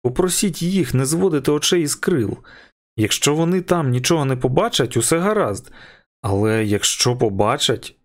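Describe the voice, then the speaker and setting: A man's voice: mid-range voice, lively intonation, moderate pace, lightly acted. A man voicing a frightened, desperate airline passenger whose voice strains and trembles as he pleads to be believed. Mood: pleading. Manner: strained, pleading, voice breaking with panic.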